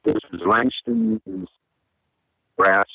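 A man from Alabama calling in to recite a poem in a slow, measured reading, over a phone line that keeps breaking up. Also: high voice, sing-song, vocal fry, slightly rough, no echo. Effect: phone line breaking up, cutting in and out. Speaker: caller. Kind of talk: poetry recitation.

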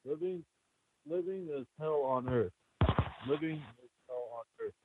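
A man calling in on a phone line that fades in and out, reading a poem in a flat, repetitive list-like way. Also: on the high side, unhurried, background noise. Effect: phone voice fading in and out. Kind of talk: poetry reading on a call-in show. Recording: tinny phone line, fading in and out.

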